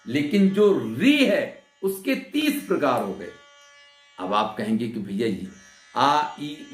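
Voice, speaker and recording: Slow-talking man teaching sanskrit grammar, echoey room, soft sitar music under it. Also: fairly high pitch. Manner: patient explaining, asks and answers his own questions. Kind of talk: grammar lecture.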